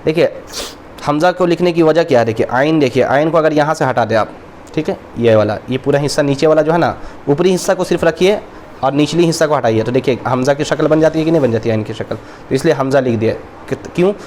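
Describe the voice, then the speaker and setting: A man teaching a recorded lesson on reading Quranic letters, who stretches out each letter name slowly and then explains at a quick, conversational pace. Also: on the high side, darkish tone, a little hiss or hum. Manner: slow drawn-out letter names between quick explanations.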